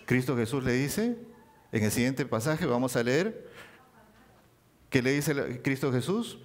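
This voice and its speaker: Lively-pitched male preacher. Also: a little slow. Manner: animated, rising and dropping for emphasis. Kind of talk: sermon.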